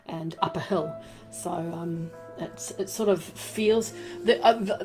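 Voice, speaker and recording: A woman with a New Zealand accent hosting a casual live stream from home, rambling warmly with many fillers and lots of "fabulous" and "beautiful". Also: mid-range voice. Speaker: crystal and essential oil live-stream host. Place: home room. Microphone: desk microphone she turns around.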